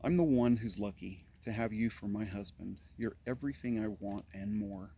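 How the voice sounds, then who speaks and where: A man's voice: on the low side, moderate pace, creaky, mellow, slightly rough. An older man reading his parents' old letters aloud, earnestly, with amused comments in between. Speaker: family letter reader.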